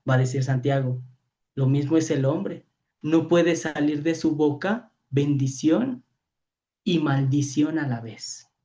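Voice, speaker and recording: Mexican priest preaching, dull lo-fi audio. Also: male voice, a little high, mellow. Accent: Mexican Spanish. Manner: storytelling, acts out voices, frequent rhetorical "¿verdad?". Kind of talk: preaching to a youth training session.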